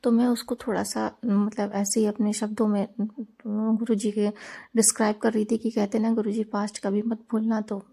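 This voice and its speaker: A woman giving a devotional gratitude talk and chanting a mantra, quick and rambling, with frequent restarts. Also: mid-range voice, level tone, vocal fry, dark tone, breathy edge. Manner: fast, rambling talk with many restarts and fillers. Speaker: devotee sharing a gratitude satsang. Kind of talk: devotional testimony.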